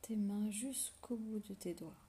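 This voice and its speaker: A woman leads a guided relaxation meditation in a soft, intimate whisper right in your ear, giving slow, soothing instructions with long pauses. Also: mid-range voice.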